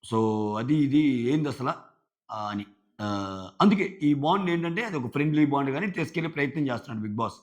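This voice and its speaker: A man with a slightly high voice gives a casual, conversational show review. He retells scenes in an easy talking style, quoting what the contestants said. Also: expressive, brisk, dull audio.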